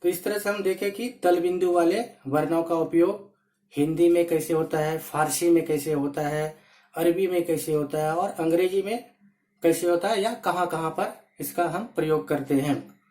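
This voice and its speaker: A man teaching a grammar lesson, speaking deliberately and naming letters one by one with examples. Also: fairly high pitch, dark tone. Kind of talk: classroom-style grammar lesson. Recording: echoey room.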